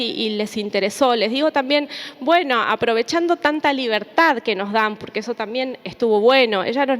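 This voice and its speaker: At a public book presentation in a reverberant indoor hall, a high-pitched woman from the Argentina–Paraguay border region gives an informal, reflective talk. An academic, activist, and book contributor, she tells stories conversationally and checks in with tag questions.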